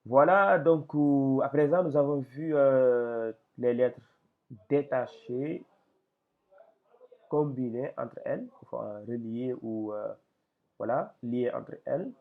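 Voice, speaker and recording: A man teaching Arabic letters in a lesson, speaking slowly and hesitantly with many fillers and a gravelly voice. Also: mid-range voice. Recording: tinny lo-fi phone-like audio.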